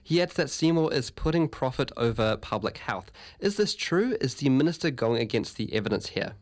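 A man hosting a radio news show, putting measured, scripted questions to a guest. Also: mid-range voice, expressive. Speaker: radio host.

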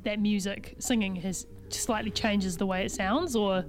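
A woman from New Zealand hosting a radio chat, friendly and quick to laugh as she prompts her guest with questions. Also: mid-range voice, fairly even intonation, soft background music. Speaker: radio host. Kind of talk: casual radio interview.

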